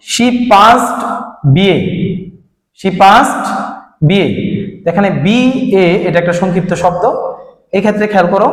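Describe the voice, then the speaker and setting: A man teaches a grammar lesson. He explains each rule step by step and keeps asking his students questions. His voice echoes around the room, with a long reverb trailing behind it. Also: high voice. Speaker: English teacher.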